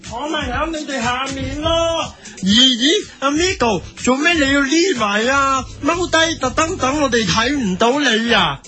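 In a comedic radio sketch, a man with a Hong Kong Cantonese accent and an extremely high, pushed, bright voice counts down a music chart. He's playful and hyped, switching between host voices.

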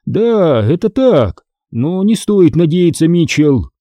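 A man's voice: a little high, sing-song, takes it slowly, warm tone, no echo, muffled recording, voice pushed up. A man reading aloud, voicing a cautious, thrifty father who measures his words and doubts the deal. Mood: doubtful.

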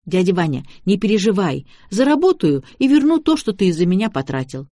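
Chirpy slangy young woman, read by a man, audiobook, high and animated, dry close sound. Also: brisk, dry recording. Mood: excited. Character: excitable chirpy young woman, thrifty and impulsive. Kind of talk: audiobook reading.

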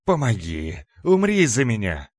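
A man voicing a cunning immortal male demon lord who shouts in a hoarse, shrill voice, in a fantasy audiobook. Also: big pitch swings, a little slow, no echo, clean studio sound, heavily acted. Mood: desperate.

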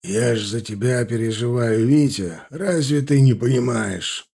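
A man's voice: mid-range voice, a little slow, creaky, warm tone, breathy edge. A man doing a worried, protective older friend.

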